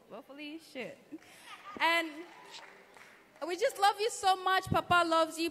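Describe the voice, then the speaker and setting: A woman giving a toast for her sister at a wedding reception, heartfelt and halting, with many fillers. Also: extremely high pitch, sharp tone. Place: large reception hall. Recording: long echo of a reception hall.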